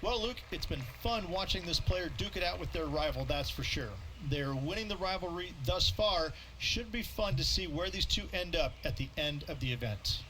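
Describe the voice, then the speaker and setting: A man's voice: high voice, animated, moderate pace, background noise. A man playing an easygoing golf commentator, the color analyst in a sports video game, talking in a conversational, folksy way. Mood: easygoing, approving.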